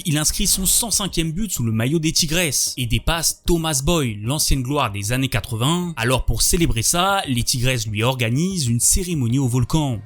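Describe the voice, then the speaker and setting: Punchy dramatic male storyteller, high-pitched. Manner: punchy, dramatic build-ups with short sentences. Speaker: narrator of a football channel. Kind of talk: scripted storytelling narration.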